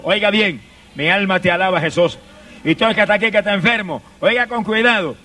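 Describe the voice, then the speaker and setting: A man with a Puerto Rican Spanish accent preaches a fiery revival sermon in a high, bright voice. He drives his points home with rhythmic repetition and bursts of shouted praise. The mic sits some distance off, so he sounds far away in a big room. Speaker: evangelist preacher.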